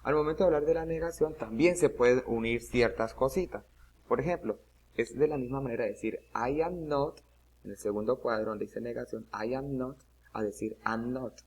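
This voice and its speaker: A man's voice: medium pitch, moderate pace, darkish tone. A man teaching an English grammar lesson, explaining step by step and often checking "¿listo?".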